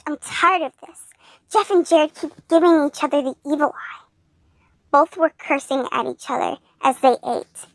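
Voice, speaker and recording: Woman, fan fiction reading, high pitch, slow pace, dry close recording. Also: fairly bright tone, dry recording. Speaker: fanfiction reader.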